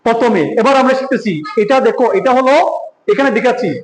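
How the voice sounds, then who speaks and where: High-voiced man teaching in an echoey room. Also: fast. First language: Bengali. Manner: keeps asking the class questions; repeats key points and drills pronunciation. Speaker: English teacher. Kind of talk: spoken English lesson.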